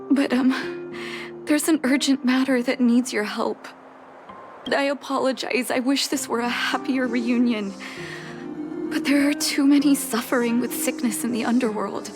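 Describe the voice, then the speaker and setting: An actress playing a caring young woman doctor reuniting with her mother, earnest and emotional, over game music. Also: high-pitched. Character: grown daughter, a caring doctor. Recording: game score underneath.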